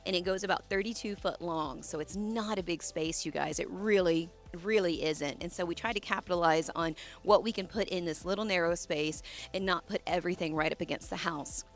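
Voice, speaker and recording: Showing viewers around her garden's side yard, this channel host and landscape designer speaks in a lowish, fairly quick voice roughened by a cold. She's a woman in her forties who chats casually, drifting into warm asides and stumbling through fillers and restarts as music plays softly over the sound of running water.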